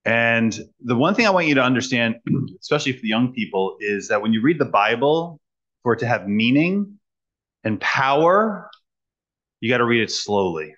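A man preaching in short phrases and pausing for an interpreter, teasing the young people about a quiz. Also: mid-range voice, very animated, fairly bright tone, muffled recording. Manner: pauses for translation, teacherly, jokes with young people. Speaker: guest preacher. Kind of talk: sermon with live interpreter.

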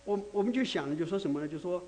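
Male preacher, fairly high and warm voice, chatty sermon with frequent rhetorical check-ins. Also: expressive, rapid-fire, slight background noise. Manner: chatty, many rhetorical asides and restarts. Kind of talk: conversational sermon.

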